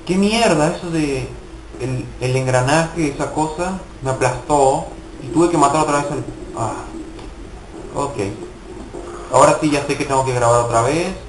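A man's voice: mid-range voice, normal speed, echoey room, slight background noise, poor audio. A young man casually commenting on his gameplay, swearing and mocking himself in frustrated outbursts. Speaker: gaming video host.

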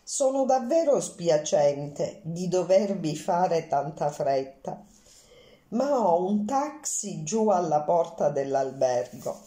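A woman's voice: on the low side, dark tone, echoey room. A woman voicing a fussy, courteous Belgian male detective in an audiobook, speaking formally and precisely.

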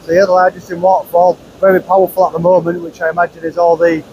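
Here the vlogger talks fast and monotone in a high-pitched voice, and the recording is muffled over a noisy background. He chatters into his handheld camera outside, restarting as he rambles between a car park and a riverside path.

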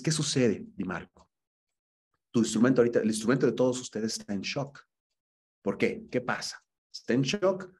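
A man's voice: on the low side, darkish tone, slightly rough. A man teaching an acting class, giving students earnest feedback and often repeating words as he searches for the next one.

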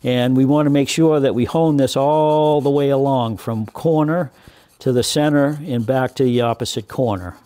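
A man in his sixties with a mellow, darker voice of middle height walks through a carving lesson at his workshop bench. He speaks deliberately, pausing on fillers and restarting phrases as he works. Close lapel-style sound. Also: medium pitch, fairly even intonation. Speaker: woodworking instructor. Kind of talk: hands-on demonstration.

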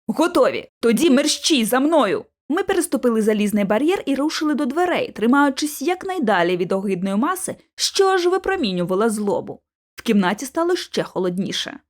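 A woman narrating an audiobook in a clear, expressive way, her voice slightly higher than most. She tells the story steadily, shaping each scene with care. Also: a little fast. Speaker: audiobook reader.

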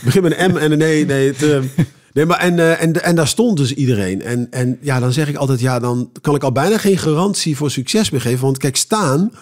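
A man who performs cabaret, telling rambling, animated anecdotes with many restarts in a casual podcast interview. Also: on the high side, a little fast.

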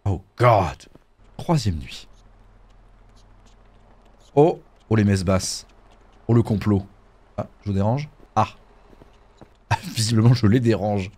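Animated man joking through a horror game. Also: on the low side, slow pace, long pauses. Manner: jokey, animated. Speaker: gaming YouTuber. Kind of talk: horror game let's play commentary.

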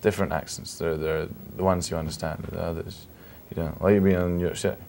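A young man in his late teens from Scotland with a London accent, a film actor giving polite, earnest, halting answers in an interview. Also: sits low, fairly even intonation, gravelly, darkish tone, a little hiss or hum. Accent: London English.

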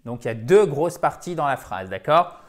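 A man's voice: on the high side, big pitch swings, moderate pace. A man whose first language is French, giving a video English lesson. He explains patiently, repeats key words and keeps checking in with the viewer. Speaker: English teacher.

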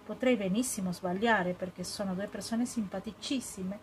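A woman reading the part of an elderly English spinster detective, gentle and hesitant, searching for her words. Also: mid-range voice, normal speed, slight background noise, close to an everyday voice, poor audio. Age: older. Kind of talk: audiobook character reading.

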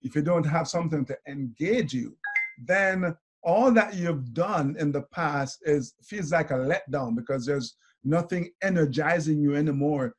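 A man, hosting an interview over a video call, animated and quick to laugh. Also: on the high side, slightly rough. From Jamaica. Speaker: host. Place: indoor room before a branded backdrop.

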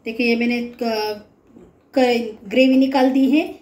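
Speaking slowly with a slightly high, somewhat mellow voice and fairly even intonation, a home cook hosting a cooking show explains each step of a casual recipe plainly. The indoor home kitchen gives the recording an echoey sound.

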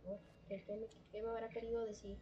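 A woman chatting casually while gaming, slangy and excitable. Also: fairly high pitch, quick pace, lo-fi sound. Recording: noticeable background noise.

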